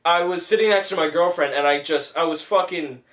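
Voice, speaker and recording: A man's voice: fairly high pitch, brisk, fairly bright tone. Young man swearing, echoey room. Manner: rambling, swears a lot, many fillers. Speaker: podcast host and filmmaker. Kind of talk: casual chat. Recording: echoey room, far from mic.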